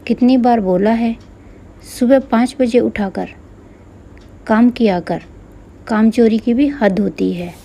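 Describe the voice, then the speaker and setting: A woman's voice: fairly high pitch, slow, gravelly, pauses often, warm tone, full character voice. A woman voicing a harsh, bossy middle-aged mother-in-law who scolds her daughter-in-law, in a storybook reading. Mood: scolding.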